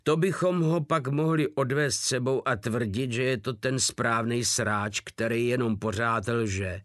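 A man's voice: medium pitch, a bit bright, no room sound, studio quality, close to an everyday voice. A man voicing a huge crude male soldier who mocks and swears with brutal cheer. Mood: mocking. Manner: coarse, mocking, swearing.

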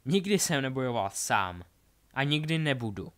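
A man's voice: medium pitch, big pitch swings, a bit bright. A man doing a firm wizard father. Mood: determined. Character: determined adult wizard father, brave.

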